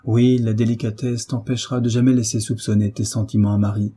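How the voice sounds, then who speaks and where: Man reading as a serious sad doctor, low dark husky voice, steady. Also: a little fast. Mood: grave. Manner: grave and sad. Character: grave, sorrowful older male doctor.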